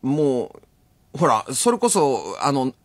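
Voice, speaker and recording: Husky woman, animated storyteller. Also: very deep voice, takes it slowly, dry recording. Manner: animated, acts out quotes, laughs often. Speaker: radio show host. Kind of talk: casual anecdote telling.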